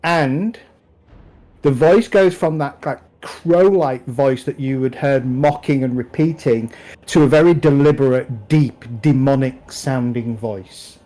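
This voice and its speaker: A man running a tabletop role-playing game on stream. He narrates scenes and talks rules in a relaxed way, with pauses and fillers. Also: mid-range voice, low-quality recording. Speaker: game master.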